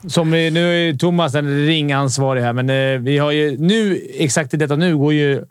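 Male co-host, easygoing joker, slightly high voice. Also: clear, resonant tone, dry recording, studio quality. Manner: joking, laid-back. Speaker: podcast co-host. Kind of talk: casual sports chat.

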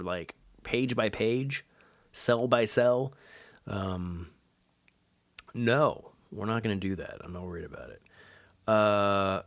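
Slow, rambling male podcast host. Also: mid-range voice, dry recording. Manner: rambling and self-mocking, stumbles over names. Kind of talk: casual watch-along podcast chat.

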